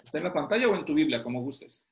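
A man's voice: a little high, animated, quick pace, gravelly, a little hiss or hum. A man teaching theology to pastors in an interactive online class, constantly quizzing his students. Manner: questioning, drawing answers from students. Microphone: video call. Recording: roomy echo.

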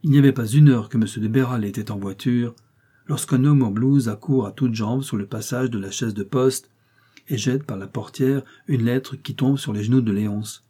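A man narrating a classic French short story in a measured, steady storytelling manner. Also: medium pitch, slightly rough. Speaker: audiobook narrator.

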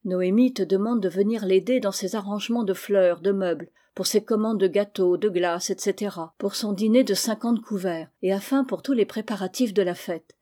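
A woman reading the part of a kind, steady uncle who calmly reassures and advises, in an audiobook of a classic novel. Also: medium pitch, lightly acted. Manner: calm, reassuring, gently firm. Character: kind, wise middle-aged uncle, a steady comforter.

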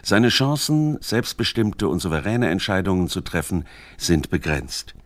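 A low-voiced man narrates a literary radio essay, formal and measured yet very animated. The recording is close and dry, with no surrounding room.

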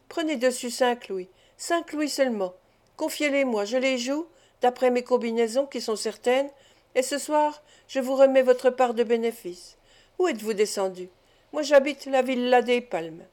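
Woman voicing a smooth old Italian prince. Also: on the high side, normal speed, a little mellow, natural voice. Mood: persuasive. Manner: ceremonious, persuasive.

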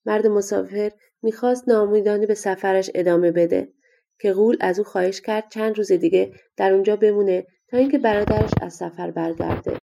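A woman's voice: mid-range voice, creaky, dark tone, slight background noise. A woman narrating a fairy-tale audiobook in a colloquial, spoken-style reading. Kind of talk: scripted storybook narration.

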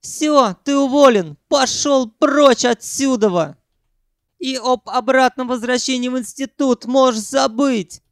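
Man playing a touchy, high-voiced celebrity singer in a storybook; shrill, haughty, easily enraged. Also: gravelly, clean tone, no room sound, clean studio sound, heavily acted. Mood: shrieking. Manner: haughty, quick to shout and threaten. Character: pompous, squeaky male pop singer, self-important and touchy.

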